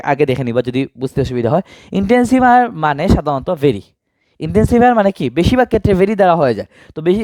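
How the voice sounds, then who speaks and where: A man's voice: on the high side, darkish tone, no echo. A man teaching an exam-prep grammar lesson, asking questions and answering them himself.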